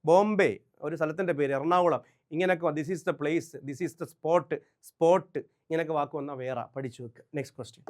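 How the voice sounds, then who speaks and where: A man's voice: fairly high pitch, brisk, darkish tone. A man teaching English grammar for an exam, quizzing students and answering his own questions with emphasis. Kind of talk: exam-prep lesson.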